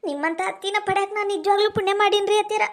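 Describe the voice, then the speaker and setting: Brief: woman playing a remorseful young village bride, very high-pitched, North Karnataka accent, pleading. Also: steady tone, rapid-fire. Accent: North Karnataka Kannada. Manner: pleading, apologetic. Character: young repentant village daughter-in-law. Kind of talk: village comedy skit.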